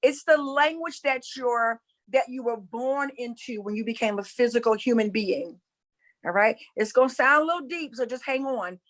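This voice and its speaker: This woman from North Carolina, USA, speaks at a moderate pace in a fairly high, slightly bright voice. With her Southern accent, she teaches about spirituality casually and earnestly, often repeating phrases for emphasis.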